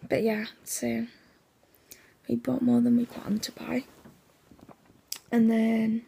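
A young woman chatting casually in a vlog, her voice hoarse and nearly gone, half-whispering and sleepy, rambling with lots of fillers. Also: on the high side, level tone, takes it slowly, warm tone, a little hiss or hum. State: sleepy, yawning. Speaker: vlogger.

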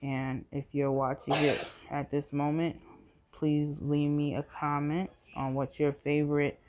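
A woman's voice: low voice, little pitch movement, measured pace, darkish tone. A woman in her thirties chatting casually in a home vlog while cleaning her apartment, rambling with fillers. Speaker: mom vlogger. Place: home apartment kitchen and living room. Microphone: phone camera held close or propped.

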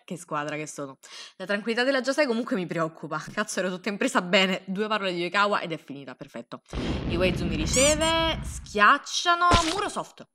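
A young woman giving an excitable, sarcastic comedic recap, swearing freely as she reacts. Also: fairly high pitch. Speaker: anime recap host.

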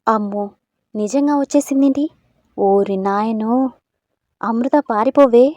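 A woman voicing a feisty, sharp-tongued young woman who talks in quick exclamations in a storybook. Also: on the high side, no room sound, highs cut off, lightly acted. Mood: frightened sassy.

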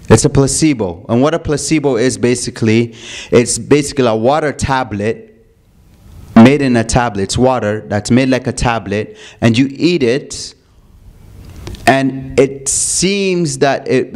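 A man's voice: medium pitch, a little slow, a little mellow. A young man lecturing youth on faith in a community hall, asking rhetorical questions and often restarting his phrases.

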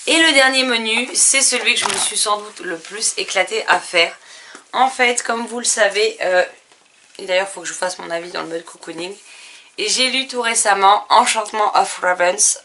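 Woman, book vlogger, bright clear tone, casual list reading, fillers and self-corrections. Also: medium pitch, a little hiss or hum. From France. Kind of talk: casual book challenge presentation.

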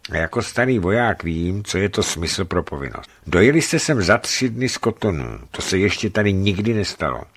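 A man's voice: low-pitched, big pitch swings, hardly any pauses, slightly rough, exaggerated voice. A man voicing a blunt, confident veteran ex-legion sergeant turned trader in a radio book reading.

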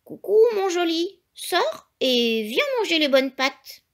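A woman's voice: very high voice, very animated, slow, fairly bright tone, pitched above the performer's own voice, exaggerated voice. A woman voicing an anxious, loving mother hen who pleads tearfully with her egg. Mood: coaxing.

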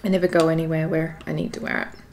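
A shy, awkward young woman chatting hesitantly while she eats at home, in a fairly monotone voice with many ums. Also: sits low, racing, vocal fry, slight background noise. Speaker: YouTube creator. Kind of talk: casual mukbang chat while eating. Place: at home indoors by a window.

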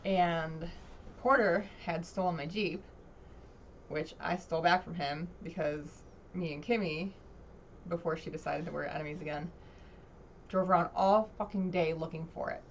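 A woman's voice: on the low side, steady tone, moderate pace, long pauses. A woman casually telling a long story as she reacts to a clip, blunt and profane, rambling from one detail to the next. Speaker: host responding to a podcast clip. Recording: dull lo-fi sound with faint noise.

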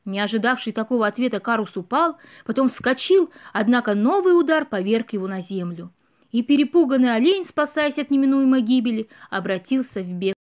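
A woman reading a storybook audiobook aloud with expressive storytelling. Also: a little high, brisk. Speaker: audiobook reader. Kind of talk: storybook narration.

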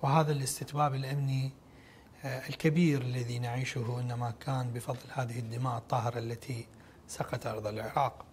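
A middle-aged man with an Iraqi Arabic accent giving a formal television interview in a measured, halting way with pauses. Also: medium pitch, little pitch movement, a little mellow, a little hiss or hum. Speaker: interview guest, official. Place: large indoor lobby, seated interview. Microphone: lapel microphone.

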